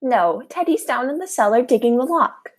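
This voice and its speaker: In a high school radio play, a teenage girl portrays a sweet, unflappable elderly aunt who is genteel and scolds gently. She speaks at a moderate pace with lively intonation.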